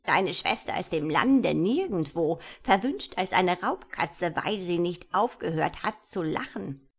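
Eine Frau spielt einen winzigen, grantigen Zauberer. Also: female voice, on the low side, lively intonation, unhurried, husky, heavily acted. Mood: stern. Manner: cross, scolding. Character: tiny grumpy male wizard, finger-sized.

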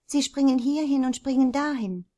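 A woman's voice: high-pitched, moderate pace, warm tone, pitched above the performer's own voice, close to an everyday voice. Woman playing a soothing teenage girl. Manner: reassuring, coaxing. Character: dark-haired teenage daughter, soothing.

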